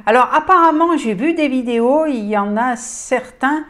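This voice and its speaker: Her voice is high-pitched and fairly bright, with lively intonation at normal speed. This beauty vlogger casually chats through a haul of makeup palettes, hesitating with lots of fillers but getting excited about the shades.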